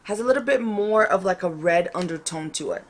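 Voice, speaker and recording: A woman's voice: fairly low pitch, lively intonation, brisk. Chatty woman doing a casual makeup tutorial. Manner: chatty, informal, thinking aloud. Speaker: makeup vlogger.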